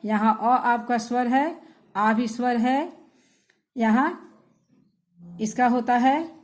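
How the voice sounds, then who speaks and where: Slow, patient woman teaching. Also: a little high. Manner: patient, repeats definitions and addresses children directly. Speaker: school teacher. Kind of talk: recorded grammar lesson for children.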